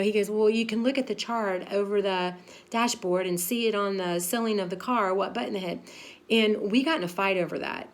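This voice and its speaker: Chatty woman in her fifties. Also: medium pitch. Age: 50s. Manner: chatty, frank, laughs at herself, many fillers. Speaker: pastor's wife giving a devotional. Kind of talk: casual devotional talk.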